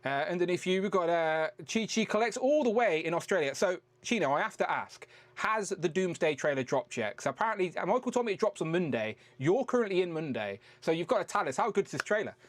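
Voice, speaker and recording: A man's voice: high voice, sing-song, quick pace, few pauses. A man hosting a casual live-stream chat, chatty and teasing, swearing casually as he greets his guests. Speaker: host.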